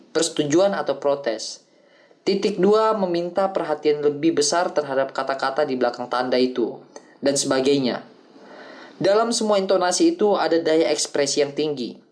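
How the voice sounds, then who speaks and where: A man reading the lines of an older male acting teacher who explains things calmly and patiently in an audiobook. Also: on the high side, close to an everyday voice. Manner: calm, explanatory lecturing.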